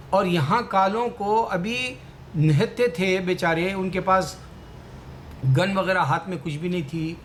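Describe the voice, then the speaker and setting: A man's voice: a little high, a little hiss or hum. A man giving a rambling, preachy political commentary with a religious message, full of fillers.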